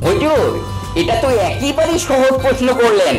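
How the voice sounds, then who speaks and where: A man playing a sly, witty village mullah in a cartoon, talking in an animated, folksy, teasing way. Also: extremely high pitch, normal speed, over music, low-quality recording. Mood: confident, witty. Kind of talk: cartoon character acting.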